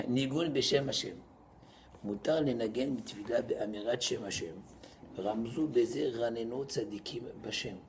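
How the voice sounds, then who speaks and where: A man, teaching an informal Torah class to students in an animated, joking way, moving between loud bursts and quiet asides. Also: medium pitch, measured pace, slight background noise.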